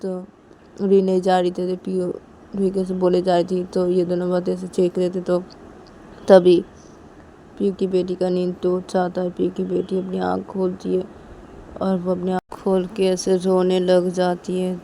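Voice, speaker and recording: A woman's voice: lowish voice, monotone, moderate pace, dark tone, a little hiss or hum. A woman narrating a romance story in a casual, plain spoken manner, linking events with repeated connecting words.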